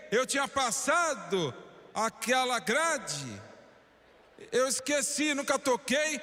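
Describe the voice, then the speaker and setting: A fervent preacher with a Brazilian Portuguese accent, his voice high and bright as he tells his story. He drops to a hush, then pushes out strong, emphatic lines. A long hall reverb trails behind every phrase. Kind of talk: dubbed sermon storytelling.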